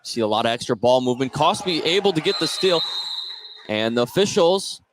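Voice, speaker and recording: Calling a basketball game live, the male play-by-play announcer talks a little fast in a fairly high, lively voice. Behind him is the ambient noise of the gym.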